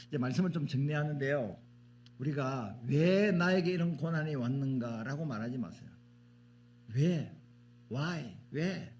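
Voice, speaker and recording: A man's voice: medium pitch, darkish tone, dull audio, a little hiss or hum. A male pastor preaching a sermon in a church, emphatic and repetitive, often asking the congregation questions. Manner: emphatic, repeats words, asks the congregation questions. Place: church sanctuary.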